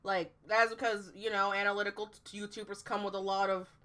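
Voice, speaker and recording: A woman hosting a podcast, playful and chatty, tossing in quick asides. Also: mid-range voice, flat delivery, pushed and bright. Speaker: podcast host. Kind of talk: casual podcast conversation.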